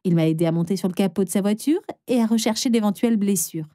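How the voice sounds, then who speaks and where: A woman narrating a first-person animated story as a dramatic, expressive teenage girl. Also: mid-range voice, quick pace, dry recording, studio quality, close to an everyday voice. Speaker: narrator and heroine.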